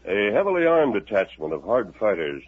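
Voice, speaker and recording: An actor playing the Lone Ranger, a calm, resolute masked hero, speaking in a steady, persuasive way in a 1950s radio drama. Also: male voice, fairly low pitch, fairly quick, breathy edge. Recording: tinny narrow old radio recording.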